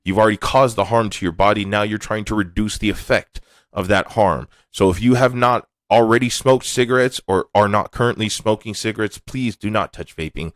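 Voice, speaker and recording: A man's voice: on the low side, a little fast, a bit bright, dry recording. A man hosting a podcast, talking alone in a candid, laid-back way and swearing casually. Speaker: podcast host. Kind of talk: casual monologue.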